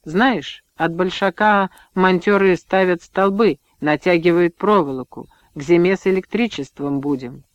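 A man voicing a calm, bookish young village husband who talks softly and without haste, in a dull, dry audiobook recording. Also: high voice, no room sound. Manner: soft-spoken, unhurried.

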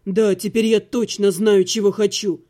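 Женщина изображает мрачного некроманта-мужчину. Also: female voice, little pitch movement, normal speed, lightly acted. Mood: low tender. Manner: shouting in despair, then low and insistent. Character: brooding male necromancer, ex-husband, intense. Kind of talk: audiobook character voice.

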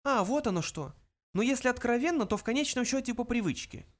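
Reader doing a high-pitched lab mouse, pompous, brisk, cynical, lecturing, audiobook. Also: animated, natural voice. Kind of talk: audiobook character reading.

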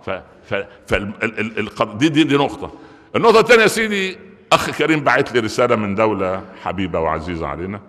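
Fast-talking Egyptian preacher, echoing hall. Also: male voice, on the low side. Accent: Egyptian Arabic. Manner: lively, joking, full of rhetorical questions. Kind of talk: Friday sermon. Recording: long reverb of a large hall.

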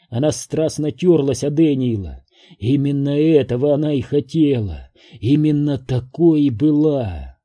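A man's voice: on the high side, dark tone, breathy edge. A man narrating a horror audiobook.

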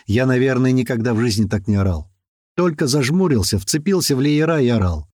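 A man reading a first-person action story aloud, switching to loud, higher voices for the characters. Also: brisk, dry recording, clean studio sound. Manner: lively, raising pitch and shouting for quoted characters. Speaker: audiobook narrator.

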